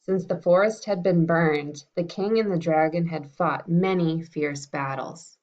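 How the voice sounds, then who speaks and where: A woman teacher talking to fifth graders and reading a picture book aloud in a friendly, unhurried way. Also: fairly low pitch, a little mellow. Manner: friendly and unhurried, with some fillers. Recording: dull lo-fi recording.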